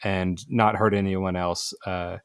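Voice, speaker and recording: A man hosting a podcast, talking in a halting way with many fillers and restarts. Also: deep voice, little pitch movement, smooth, no echo, studio quality. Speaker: podcast host. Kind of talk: casual podcast conversation.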